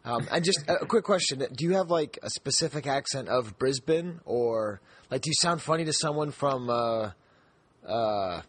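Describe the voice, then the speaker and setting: Husky-voiced man hosting a podcast. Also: mid-range voice, animated, fairly bright tone, dry recording. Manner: friendly, jokey, halting with restarts. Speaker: podcast host. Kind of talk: casual podcast chat.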